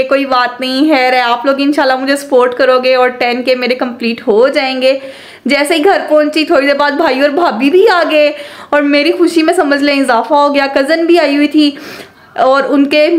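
A young woman chatting casually to her viewers in a family vlog. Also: high voice. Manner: chatty, warmly addressing viewers. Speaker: family vlogger.

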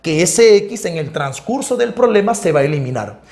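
A man teaching math in a lively, joking, coaxing way. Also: high voice, normal speed. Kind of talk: animated math lesson.

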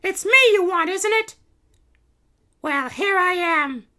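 Very high, proud cat princess. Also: male voice, lively intonation, slow, bright, forceful tone, heavily acted. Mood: defiant, triumphant. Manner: theatrical, declaiming. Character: young heroic cat princess, proud and defiant.

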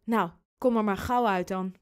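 A woman's voice: medium pitch, normal speed, smooth, natural voice. A woman voicing a sleepy, teasing father in a storybook reading, speaking in a mock-stern, jokey manner.

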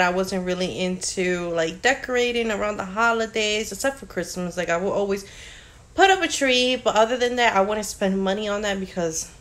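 A young woman chatting casually to her phone camera at home, rambling with plenty of fillers as she vlogs. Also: mid-range voice. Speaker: lifestyle vlogger. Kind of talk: casual vlog chat. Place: living room, indoors. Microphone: phone camera held at arm's length.

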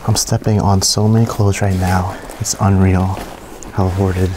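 Walking through a huge abandoned mansion with a handheld camera, a young urban explorer vlogger talks directly to viewers in a low, even, unhurried voice. His casual narration is hushed and full of awe as he reacts to each room and what he finds. Faint hiss runs beneath the audio.

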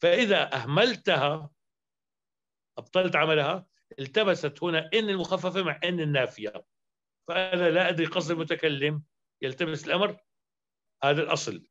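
A man with a somewhat high voice delivers a grammar lesson, laying out each rule and repeating examples. He keeps checking that his students follow along. The recording sounds dull and lo-fi. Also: fairly quick, pauses often, a bit bright. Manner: explanatory, repeats points and checks understanding. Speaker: Arabic grammar teacher. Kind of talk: lecture explaining grammar verse.

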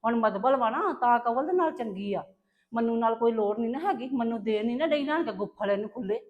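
A woman's voice: a little high, expressive, brisk, a little mellow, dull audio. A woman playing an elder daughter-in-law in a family drama, lecturing and self-righteous. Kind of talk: scripted family drama acting.

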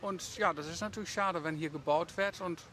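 A man's voice: fairly high pitch, fairly quick, bright, forceful tone, a little hiss or hum. A middle-aged Dutch man with a Dutch accent, talking plainly outdoors by a beach park in a street interview. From Netherlands. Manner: plain, loose grammar, tag questions. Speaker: holiday guest interviewed.

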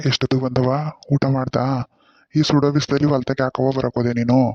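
A man voicing a gentle old village grandfather in a cartoon, with a calm, soothing manner. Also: mid-range voice, quick pace, no echo, dull audio, natural voice. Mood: coaxing. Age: older. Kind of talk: cartoon voice acting.

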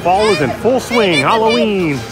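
A man with a high, animated voice narrates a walking vlog through an outdoor theme park at a moderate pace, chatty and upbeat as he points things out. Loud crowds and park music fill the background.

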